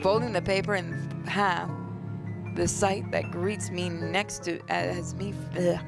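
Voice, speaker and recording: This gravelly, lowish female voice moves slowly with little change in pitch. Hosting a gaming video, she gives a dramatic reading of horror game text, adding playful side comments while game music plays.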